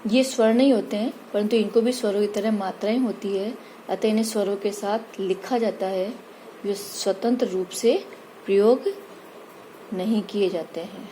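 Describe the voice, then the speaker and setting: A woman teaching Hindi grammar, patiently explaining vowels and spelling out each example slowly. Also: medium pitch, steady tone, dark tone, a little hiss or hum, low-quality recording. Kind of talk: slow explanatory lesson.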